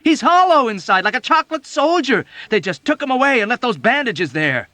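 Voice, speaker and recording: A man voicing a frantic young soldier patient who screams in panic, his voice pushed very high. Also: sing-song, brisk, pushed and bright, dry recording, heavily acted.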